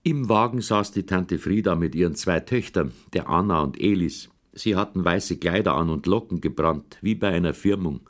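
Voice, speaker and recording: A male audiobook narrator reads a boy's first-person tale in a lowish voice. His scripted narration is steady and plain. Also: normal speed, hardly any pauses.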